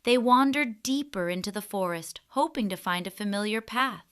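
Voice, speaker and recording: With a clean, mid-range tone, a woman reads a scripted fairy tale aloud for children, expressive and deliberate.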